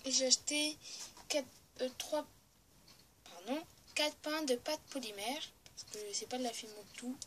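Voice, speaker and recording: A woman's voice: sits high, unhurried, a little hiss or hum, rough recording. A woman chatting casually in a haul video, showing her purchases with enthusiasm and often correcting herself and apologizing. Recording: loud crinkling of packaging and clicks close to the mic.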